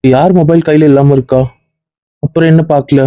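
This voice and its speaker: A man playing a stern, fast-lecturing dean. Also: on the high side, fairly even intonation, smooth, no room sound, dull audio, lightly acted. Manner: lecturing, reproachful. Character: stern male college dean scolding a student. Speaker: actor. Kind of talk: web series drama acting.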